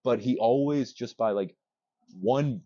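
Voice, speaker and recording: A man co-hosting a casual podcast, rambling excitedly with many restarts and casual swearing. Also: medium pitch, a little slow, dry recording, muffled recording. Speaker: podcast co-host. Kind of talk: casual chat.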